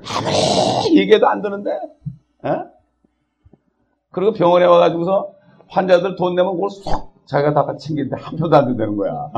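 An older man preaching a sermon, often questioning his congregation and prompting with a quick "eh?". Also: a little high, lively intonation, gravelly, darkish tone. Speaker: pastor. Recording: dull lo-fi recording.

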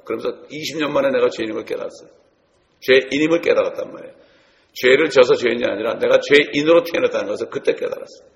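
A male preacher tells stories to his congregation and turns often to address them directly. His voice has a gravelly edge, and it rings out in a large church hall with long reverb. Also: mid-range voice, slight background noise. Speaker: pastor. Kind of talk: sermon.

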